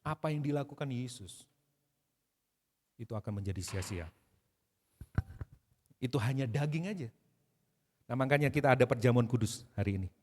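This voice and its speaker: A male pastor, preaching a sermon in a conversational, animated way that builds into emphatic outbursts. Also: medium pitch, moderate pace, long pauses. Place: church service. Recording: long reverb of a church hall.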